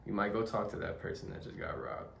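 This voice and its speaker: A man hosting an interview asks questions and sums up his guest's answers back to him. His voice runs on the low side, sing-song, quick and gravelly. The recording is roomy, from a distant mic with faint ambience and a little hiss or hum.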